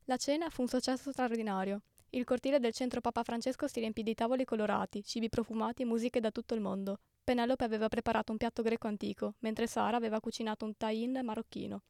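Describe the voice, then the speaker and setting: A woman narrating a storybook tale in a brisk, even manner. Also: on the high side, no echo, studio quality.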